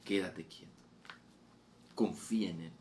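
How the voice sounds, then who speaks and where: A man's voice: low voice, fairly even intonation, unhurried, a little mellow, a little hiss or hum. A man preaching a fervent sermon, repeating phrases and raising his voice on exhortations. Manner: fervent, repetitive, voice rising on quoted exhortations.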